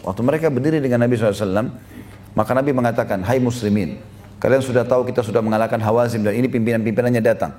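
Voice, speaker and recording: A male preacher giving a storytelling sermon, acting out the people in his story and chuckling now and then. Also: mid-range voice. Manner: lively storyteller who voices quoted speakers, chuckles.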